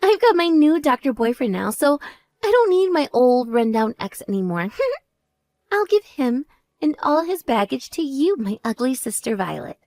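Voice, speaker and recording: A woman voices a vain young sister in a voiced text story. She is bratty, boastful and quick to take offense, with a high voice that leaps around. The sound is dry and close. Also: sing-song, darkish tone, no room sound. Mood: taunting. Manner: boastful, taunting, indignant.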